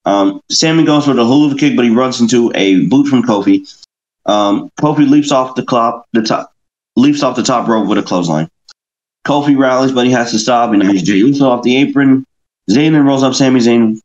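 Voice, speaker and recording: A man's voice: mid-range voice, normal speed, darkish tone, highs cut off. A male podcast host who recaps a wrestling match play-by-play, stumbling now and then and correcting himself. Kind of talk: casual wrestling review podcast.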